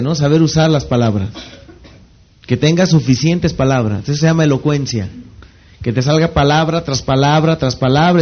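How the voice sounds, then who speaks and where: A slightly high-pitched man with a Mexican accent lectures a seminar audience and keeps tossing out rhetorical questions for them to answer. The recording sounds dull and lo-fi. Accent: Mexican Spanish. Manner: rhetorical questions, pausing for the audience to fill in words. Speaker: network marketing trainer. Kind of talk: motivational seminar talk.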